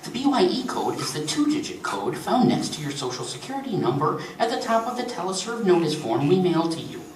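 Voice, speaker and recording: A man's voice: high voice, sing-song, brisk, echoey room, recorded from a distance, slight background noise, pitched above the performer's own voice, low-quality recording. A man voicing a prim automated telephone menu that turns needling, reading aloud to an audience. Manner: clipped menu prompts turning snide. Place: convention reading room.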